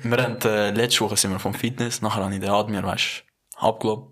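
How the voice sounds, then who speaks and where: Husky swiss german dude, bright tone, slangy and jokey. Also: male voice, lowish voice, level tone, fast. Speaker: podcast co-host. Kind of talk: casual chat among friends.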